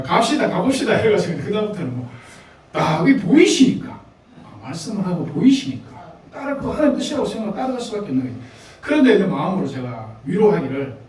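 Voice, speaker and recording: A man's voice: sits high, huge pitch swings, fast talker, darkish tone, very echoey, far from the mic, a little hiss or hum, low-quality recording. A man with a Gyeongsang Korean accent preaching a sermon, talking conversationally to the congregation with laughs and asides. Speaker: pastor. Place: church sanctuary.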